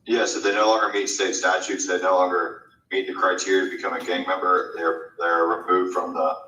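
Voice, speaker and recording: A low-voiced man testifying as a detective over a video call, heard through a courtroom recording. His tone is bright and forceful yet sounds distant and echoey, and he keeps his answers short and polite. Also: little pitch movement, fairly quick. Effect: courtroom recording of a video-call witness. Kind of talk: sworn testimony.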